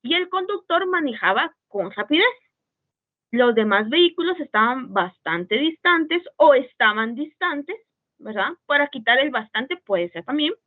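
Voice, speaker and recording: A woman's voice: high-pitched, very animated, a little slow. A woman teaching an online writing class, patient and checking often that students follow. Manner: patient, checks understanding with frequent "¿sí?". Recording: tinny phone-like call audio.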